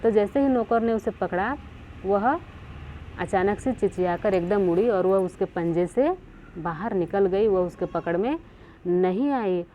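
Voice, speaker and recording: A woman's voice: mid-range voice, measured pace, a little hiss or hum. A woman teacher reads a Hindi lesson aloud and then explains each line again in simpler words. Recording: tinny phone-like recording.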